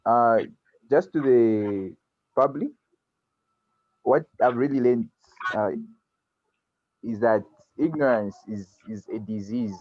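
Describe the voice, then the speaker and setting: A nineteen-year-old man from Zambia, speaking haltingly and earnestly as a student guest on a video call. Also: mid-range voice, dry recording. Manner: halting, earnest, many restarts. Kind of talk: video call introduction and talk. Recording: dry, dull lo-fi call audio.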